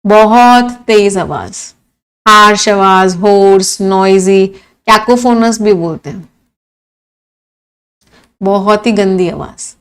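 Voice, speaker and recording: A woman's voice: mid-range voice, smooth. A woman teaching English vocabulary for exams, asking questions and then answering them herself, repeating each meaning. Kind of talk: exam-prep vocabulary lesson in Hindi-English mix.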